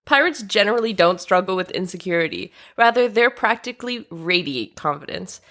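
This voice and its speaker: A woman's voice: mid-range voice, expressive, fairly quick, sharp tone. A woman co-hosting a comedy podcast, reading an article aloud and joking in a wry, self-deprecating way. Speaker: podcast co-host.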